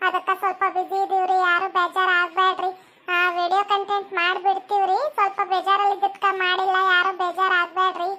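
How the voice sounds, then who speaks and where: A woman's voice: extremely high pitch, flat delivery, quick pace, sharp tone. A woman voicing a fussy older village mother who scolds and nags, in a comedy sketch. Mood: chatty. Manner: scolding, nagging.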